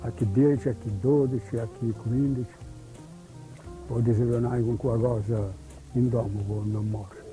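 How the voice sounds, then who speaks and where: A man's voice: medium pitch, steady tone, dark tone, faint music behind, low-quality recording. Older Sardinian man rambling through memories. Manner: rambling, halting. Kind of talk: recollecting his youth.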